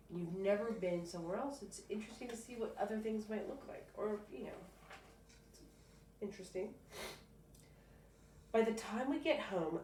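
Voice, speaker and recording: Here a storybook reader with a fairly low-pitched voice brings a children's picture book to life, breaking off at times for offhand comments. Faint background noise and a roomy, distant-mic quality mark the recording.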